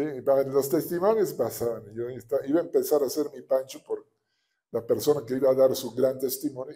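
A man with a Mexican accent preaching a sermon as a pastor, animated and often asking the congregation for agreement. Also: a little high. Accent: Mexican Spanish.

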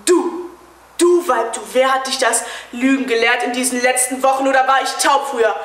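A woman's voice: high-pitched, moderate pace, natural voice. A woman playing a bitter, war-maimed husband, declaiming with brooding scorn on a stage. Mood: accusing. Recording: roomy hall echo.

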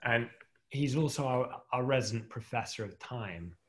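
A man's voice: medium pitch, animated, moderate pace, fairly bright tone. A man hosting a video call, introducing each participant with friendly compliments. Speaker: host.

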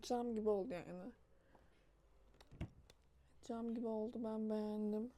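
A woman's voice: on the high side, fairly even intonation, a little slow, mellow, slight background noise. A young woman chatting casually at home as a vlogger, laughing often and cooing at a little child. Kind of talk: casual vlog chat.

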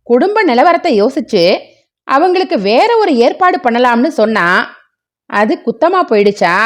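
Casting: a wailing, bitter middle-aged wife, slow and lively in pitch, read by a woman storyteller. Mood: reproachful. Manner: wailing, reproachful.

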